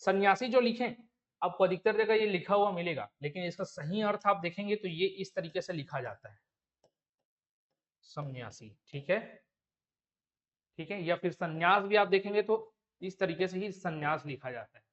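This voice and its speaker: Man teaching Hindi spelling, high voice. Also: moderate pace, fairly bright tone, muffled recording. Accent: Chhattisgarhi Hindi. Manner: explains step by step, asks rhetorical check questions. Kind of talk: exam-prep lesson.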